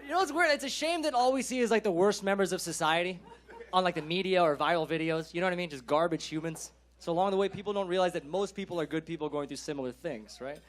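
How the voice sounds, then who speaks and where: A man's voice: high-pitched, fast, slight background noise. A man from California with an American accent doing a stand-up set in a casual, slangy way, laughing often. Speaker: stand-up comedian.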